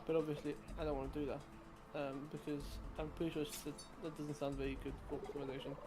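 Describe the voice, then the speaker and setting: A man's voice: a little high, flat delivery, fast talker. A young man co-hosting a casual game-development chat on a call, rambling and self-deprecating with many restarts. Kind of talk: casual chat over gameplay.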